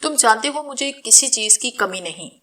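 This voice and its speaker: A proud young noblewoman with a bright, forceful voice, commanding and possessive in every phrase, as a woman reads her in a storybook. She sounds like someone who always gets her way. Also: a little high, expressive, far from the mic. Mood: domineering. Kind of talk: storybook reading.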